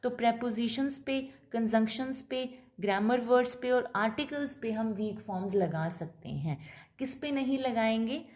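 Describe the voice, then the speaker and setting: A woman with an Indian English accent, lecturing to students and explaining terms slowly, mixing Hindi with English words. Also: fairly high pitch, a little mellow. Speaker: English teacher. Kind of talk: classroom lecture video.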